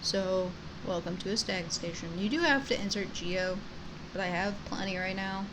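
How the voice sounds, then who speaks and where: A woman commentates on her video game playthrough in a casual, self-deprecating way, chatting to the characters as she goes. Her mid-range voice moves at a normal speed over the game's background music.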